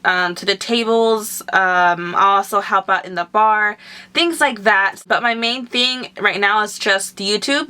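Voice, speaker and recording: Bright-voiced chatty young woman vlogger. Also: a little high. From California. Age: 20s. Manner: chatty and upbeat, addresses viewers as girl. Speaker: beauty vlogger. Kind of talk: casual chat.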